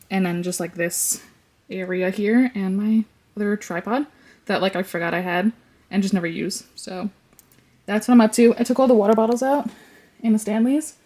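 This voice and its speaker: A young lifestyle vlogger with a mid-range, dark-toned voice rambles through a casual chat in her bedroom at home. She is congested and sniffly, and her talk is full of fillers.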